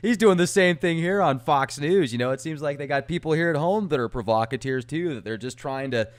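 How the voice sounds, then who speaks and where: A man's voice: on the high side, a little fast. A man hosting a podcast, chatting in a casual, rambling way and laughing easily. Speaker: podcast host.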